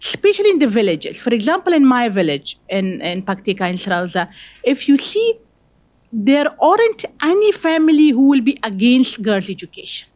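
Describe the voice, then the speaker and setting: A woman's voice: a little high, big pitch swings, normal speed, darkish tone. A woman from Afghanistan speaking on a panel discussion, earnest and full of fillers and restarts.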